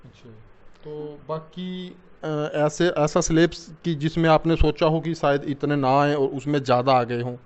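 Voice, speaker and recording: A man's voice: a little high, level tone, measured pace. Friendly man hosting local news, lo-fi. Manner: friendly, hesitant questions with fillers. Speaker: interviewer and news host. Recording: dull lo-fi sound.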